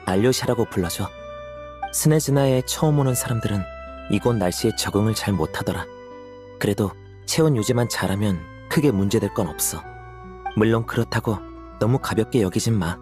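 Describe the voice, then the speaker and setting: Alyosha, a man voicing a calm young hunter. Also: lowish voice, a little fast, lightly acted. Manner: calm, steady and matter-of-fact. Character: steady young male hunter, calm and cautious. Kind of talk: video game voice acting. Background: game music.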